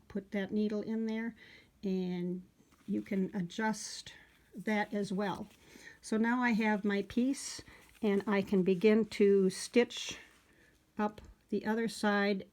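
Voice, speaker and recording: A woman teaching wool appliqué stitching step by step, talking in a relaxed, folksy way with many fillers and homey expressions. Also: medium pitch. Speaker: sewing instructor. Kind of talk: hands-on craft tutorial.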